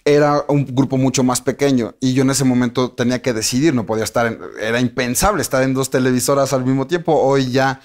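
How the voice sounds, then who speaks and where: Un hombre con acento mexicano que cuenta su carrera en una entrevista, con muchas pausas y reinicios. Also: male voice, medium pitch, steady tone, darkish tone. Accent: Mexican Spanish. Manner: rambling, many restarts and fillers. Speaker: interview guest, TV personality. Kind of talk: casual interview chat.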